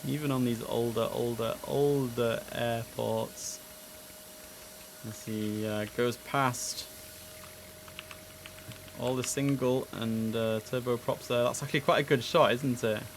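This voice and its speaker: Musing aloud while he plays an air traffic control simulator, this male streamer chats casually and drops in clipped radio calls. He has a mid-range voice with fairly even intonation, a slow pace and long pauses, with slight background noise.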